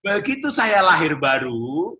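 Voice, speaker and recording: Jovial man with a bright, echoey voice. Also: on the high side, big pitch swings, unhurried. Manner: jovial, laughs often while teaching. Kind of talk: casual faith talk.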